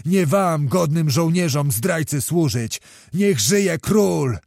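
A man voicing a bold young cavalry officer who shouts rallying commands at soldiers. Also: on the high side, lively intonation, slow pace, creaky, dry recording, studio quality, full character voice. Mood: rousing.

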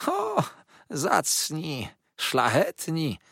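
A man voicing a sneering, venomous young male clerk who hisses his words in spite, in a storybook reading, with a husky voice in a dry recording. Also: huge pitch swings, slow, fairly bright tone, no room sound, full character voice. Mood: mocking. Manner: hissing, shrill, spiteful.

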